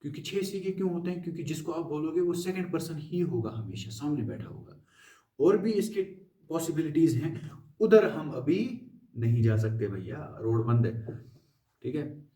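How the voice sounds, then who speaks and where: A man teaching Arabic grammar, coaxing and pleading with his viewers to memorize as he drills verb forms in quick lists. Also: fairly high pitch, expressive, mellow, recorded from a distance. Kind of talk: classroom-style grammar lesson. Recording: echoey room, voice from away from the mic.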